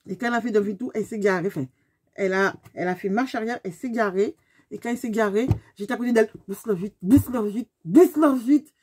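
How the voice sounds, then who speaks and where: A woman, telling a story to her viewers in a lively, emphatic way. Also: mid-range voice, racing. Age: 50s. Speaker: beauty vlogger. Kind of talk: storytime vlog.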